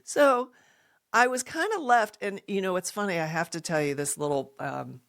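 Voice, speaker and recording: A woman podcast host telling a funny personal story in an animated way, laughing often and acting out what people said. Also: medium pitch, moderate pace.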